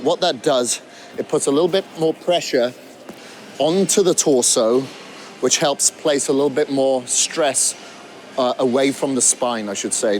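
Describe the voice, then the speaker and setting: Man, fitness trainer, gym workout instruction, middle pitch, demonstrating while talking, faint background noise. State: out of breath at times.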